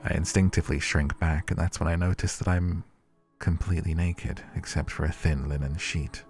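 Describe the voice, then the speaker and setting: With music behind him, a man reads a dark visual novel in a measured, theatrical style. His very low, creaky voice keeps a narrow melody and fairly even intonation.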